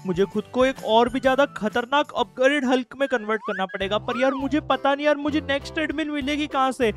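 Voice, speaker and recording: A man giving excited gaming commentary, constantly talking to his viewers. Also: extremely high pitch, brisk, faint music behind. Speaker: gaming video host.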